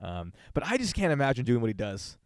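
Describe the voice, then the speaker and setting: A man's voice: mid-range voice, sing-song, fast, dry recording. Young male podcast co-host, eager rambling storyteller, plain mid voice, dry mic. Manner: enthusiastic storyteller, repeats himself. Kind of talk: casual chat.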